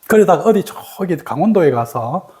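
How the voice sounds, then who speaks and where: A middle-aged meditation teacher gives a dharma talk in a mid-pitched voice whose intonation rises and falls widely. The teacher tells stories with animation and keeps turning to the listeners with rhetorical questions. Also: animated, normal speed, dark tone.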